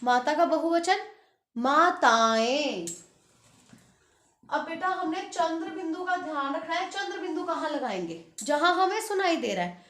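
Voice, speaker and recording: A woman's voice: very high-pitched, expressive, moderate pace. A middle-aged woman teaching a school grammar lesson, patient and drawn out, calling her pupils "beta" and stretching out example words. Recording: echoey room.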